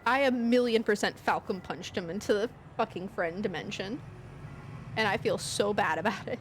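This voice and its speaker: A woman's voice: mid-range voice, moderate pace, slight background noise. A woman streaming a story game, chatting casually, mocking herself and swearing freely. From Los Angeles area. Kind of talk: casual gameplay commentary.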